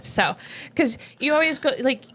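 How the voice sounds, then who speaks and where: A woman's voice: high voice, lively intonation, moderate pace, a bit bright. Chatty woman podcast co-host. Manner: chatty, laughs often. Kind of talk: casual book-club chat.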